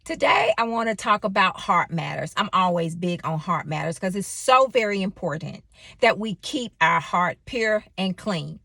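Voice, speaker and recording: A woman in her thirties giving an animated devotional talk, telling a personal story with sudden exclamations. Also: on the low side, moderate pace, vocal fry, dry recording. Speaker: faith vlogger.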